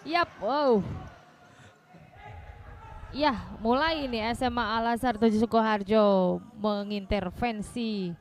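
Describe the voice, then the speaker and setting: A woman's voice: fairly high pitch, slow, long pauses. A woman with an Indonesian accent giving live futsal commentary as a co-commentator. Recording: faint background venue noise.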